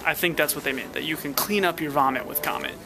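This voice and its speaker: A woman chatting casually in a family vlog, playful, teasing and excitable. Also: low-pitched, fast talker. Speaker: vlogger. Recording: noisy ambient background.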